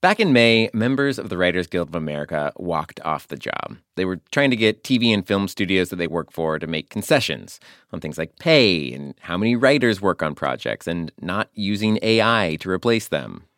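A man's voice: sits low, very animated, moderate pace, fairly bright tone, no room sound, studio quality. A man co-hosting a radio show, narrating in a conversational, scripted way. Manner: conversational storytelling.

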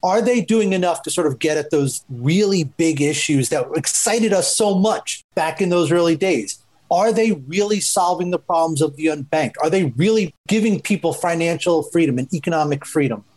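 A man, a journalist, speaking thoughtfully on a panel discussion, often pausing with asides. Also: a little high, expressive, darkish tone, low-quality recording. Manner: reflective, hedging with asides. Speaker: journalist guest.

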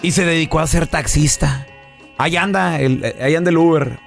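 A man's voice: fairly high pitch, fairly quick, vocal fry, soft background music. A man with a Mexican accent hosting a radio comedy show, telling jokes and slipping into character voices. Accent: Mexican Spanish. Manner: animated joke-telling, switching into character voices. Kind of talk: joke-telling radio banter.

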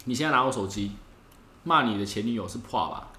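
Guy telling his story quick and bright, voice jumps all over, echoey room. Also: lowish voice. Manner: animated, acts out pleading messages, laughs often. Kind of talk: casual podcast storytelling. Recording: echoey room with faint background noise.

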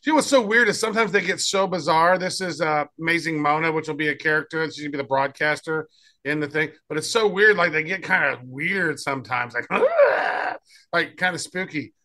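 A man with a bright, forward voice pitched a little high, talking casually as a podcast co-host. He wanders and restarts his sentences while showing things on screen. He sounds like he is on a video call. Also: fairly quick. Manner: chatty, loose, trails off and restarts. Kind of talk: casual chat demoing tools.

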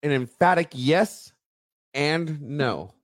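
A man co-hosting a podcast, explaining a news story at length in a loose, rambling way with many pauses. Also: a little high, lively intonation, no room sound, clean studio sound. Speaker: podcast co-host. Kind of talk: casual chat.

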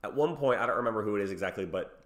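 Brief: male podcast co-host, lively up-and-down delivery, jokey and laughing. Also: on the low side, very fast. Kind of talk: casual chat.

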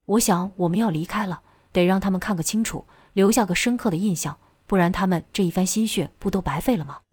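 A woman's voice: medium pitch, fast, a little mellow, husky, no room sound, studio quality, close to an everyday voice. A woman voicing a sneering, resentful young lightning wielder. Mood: mocking. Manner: sneering, defensive.

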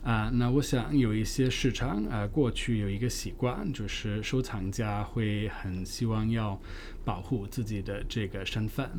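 A foreign man speaking Mandarin as a second language with a Beijing accent, giving articulate, measured explanations as an interview guest. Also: lowish voice, a little mellow, slight background noise. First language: not Chinese, a foreigner speaking Mandarin. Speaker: guest, art fair co-director.

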